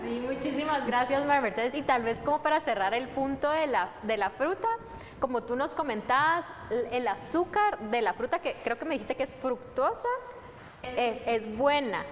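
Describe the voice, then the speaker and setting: A young woman with a high voice hosts on a studio set, talking conversationally and asking questions at a moderate pace. There's hall reverb and background noise.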